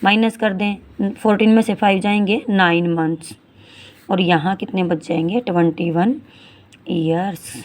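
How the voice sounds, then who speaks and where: A woman in her forties teaching a maths lesson, reading English word problems slowly and explaining each step in Hindi, calling her students beta. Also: mid-range voice, steady tone, a little mellow. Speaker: math teacher.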